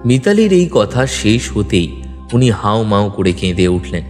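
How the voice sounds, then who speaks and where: Narrating a scripted detective tale in the first person, this man uses a fairly low, slightly mellow voice that is very animated yet a little slow. The dramatic telling is set over a music bed with long reverb.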